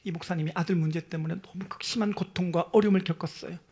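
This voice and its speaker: A man preaching as pastor, swinging from hushed whispers to loud, pleading cries. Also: high-pitched, steady tone, fast, husky. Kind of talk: sermon.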